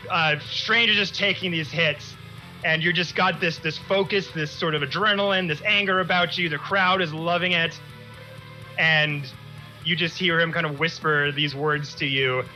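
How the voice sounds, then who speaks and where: Bright, kinda high-voiced guy running the tabletop game, laughs a lot, faint music behind. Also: a little slow, rough recording. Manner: laughs often, animated. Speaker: game master.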